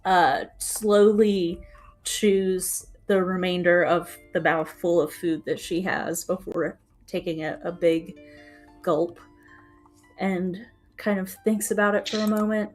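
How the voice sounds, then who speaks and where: A woman playing in a tabletop game, narrating her character's actions in an unhurried, descriptive way with fillers. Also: on the low side, steady tone, soft background music. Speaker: player.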